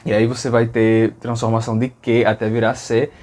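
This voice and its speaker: A man's voice: medium pitch, flat delivery, moderate pace, darkish tone. Brazilian man explaining speech sounds. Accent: Brazilian Portuguese. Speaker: linguistics educator. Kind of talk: casual educational explanation.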